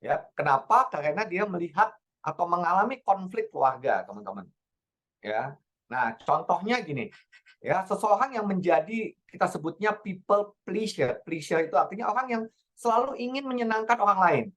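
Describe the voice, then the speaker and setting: A man's voice: high voice, sing-song, moderate pace, a bit bright. A man, a trainer giving a webinar talk, engaging and often checking in with his audience. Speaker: speaker, NLP trainer. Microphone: video call.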